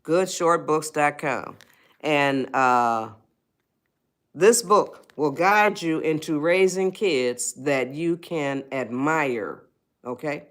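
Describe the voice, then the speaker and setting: A woman's voice: low-pitched, slow pace. Emphatic woman hosting a live stream. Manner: emphatic and repetitive, often checks in with listeners; speaks directly to viewers as a group. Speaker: author and parenting speaker. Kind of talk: live-stream motivational talk. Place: her own live stream.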